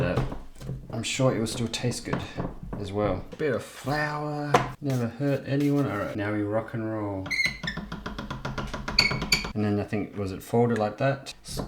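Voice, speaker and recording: A young man with a lowish voice hosts a cooking vlog from his home kitchen, with some background noise audible. He talks in a relaxed, rambling way, often correcting himself mid-sentence.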